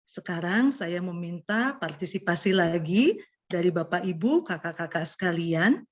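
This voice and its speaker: A woman who cannot roll her r, so it sounds soft and unclear, presenting interactively as a guest speaker to an online audience. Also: fairly low pitch, animated, measured pace. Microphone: video call. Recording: dull lo-fi online call audio.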